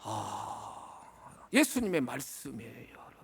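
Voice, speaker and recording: A man preaching a Sunday sermon as pastor, emphatic and calling out to his congregation, swinging between loud exclamations and hushed asides. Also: medium pitch, big pitch swings, measured pace, vocal fry, breathy edge. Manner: repeatedly addresses the congregation, asking them to repeat words. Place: church sanctuary.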